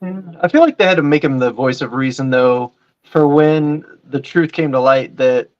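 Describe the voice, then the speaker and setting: A man's voice: medium pitch, moderate pace, lo-fi sound. A man co-hosting a casual fan podcast, making wry jokes as he chats. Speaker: podcast co-host.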